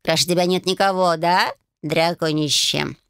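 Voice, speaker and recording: Grumpy sarcastic talking cat, slow wheezy drawl, low dry voice; woman reader doing it. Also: steady tone, no echo, lightly acted. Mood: scolding. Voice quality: wheezy, gruff. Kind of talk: audiobook character voice.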